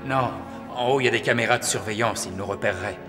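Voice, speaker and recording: A man's voice: on the low side, fast talker, in a large hall, over music, natural voice. An actor playing a wry, cautious man in a film drama, matter-of-fact in delivery. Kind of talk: dubbed film drama dialogue.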